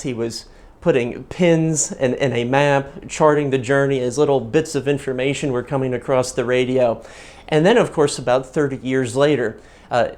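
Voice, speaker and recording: A man's voice: mid-range voice, darkish tone. Man giving an explanatory museum tour. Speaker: host of a history and film channel, guiding a museum tour. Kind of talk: informal on-location guided tour narration. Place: inside a museum gallery.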